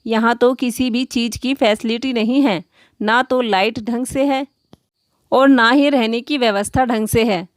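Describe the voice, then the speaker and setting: A proud, spoiled young bride from a rich family sneers at her in-laws, as a woman reads her lines in a storybook. Her voice sits fairly high and sounds close and dry, with no room around it. Her tone is scornful and haughty throughout. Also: fairly even intonation, unhurried, dry recording, lightly acted. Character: arrogant young wealthy daughter-in-law woman.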